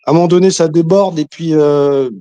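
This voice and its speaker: A man's voice: a little high, fairly even intonation, a little fast, warm tone, clean tone, no echo. Hesitant man chatting over a video call. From Congo. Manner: hesitant, many restarts and fillers, chuckling. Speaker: caller. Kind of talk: casual chat.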